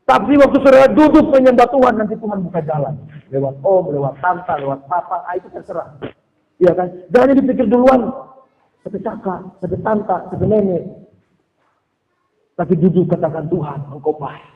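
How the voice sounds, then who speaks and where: A man's voice: sits high, moderate pace, muffled recording. A male pastor, preaching a sermon animatedly and acting out the people in his stories. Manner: animated preaching with acted-out quotes. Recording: echoey hall with long reverb.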